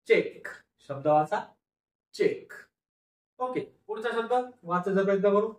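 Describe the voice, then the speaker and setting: Male teacher, high pitch, slow syllable-by-syllable drilling, mic set back from him. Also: recorded from a distance. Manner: slow, repetitive syllable-by-syllable sounding out. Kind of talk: phonics lecture, sounding out words. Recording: echoey room, voice from off the mic.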